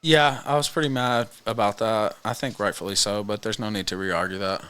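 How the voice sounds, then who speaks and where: A man hosting a livestream with casual commentary, speaking hesitantly with pauses. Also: lowish voice, steady tone, sharp tone, smooth, no echo. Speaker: livestream host.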